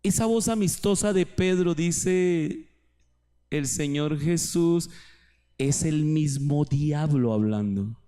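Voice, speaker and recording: Animated pastor preaching. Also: male voice, on the high side, slow pace. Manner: animated, rising and dropping for emphasis. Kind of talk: sermon. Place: church.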